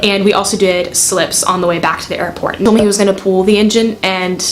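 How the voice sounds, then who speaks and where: Casting: woman, twenties, mid-pitched, candid and self-deprecating, casual chatty storytelling to camera. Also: little pitch movement, fast, a little hiss or hum. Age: 20s. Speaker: student pilot vlogger. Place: bedroom, indoors.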